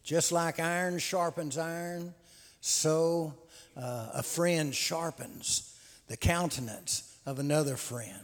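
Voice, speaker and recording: The host of a church men's conference, with a slightly high voice, takes his time over announcements and testimony. He talks in a folksy manner, repeating himself and filling pauses with "uh." A large hall adds long reverberation.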